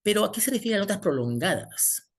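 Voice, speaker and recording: A man's voice: high voice, very animated, fairly quick. A man preaching a sermon, asking the congregation rhetorical questions as he teaches.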